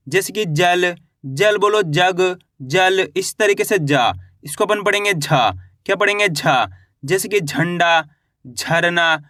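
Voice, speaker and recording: A man with a high, bright voice teaches the alphabet from the very basics. He asks a question, answers it himself, and draws out each syllable slowly for beginners to repeat. The sound is dry and close, with no room echo. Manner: drawn-out syllable sounds for pronunciation.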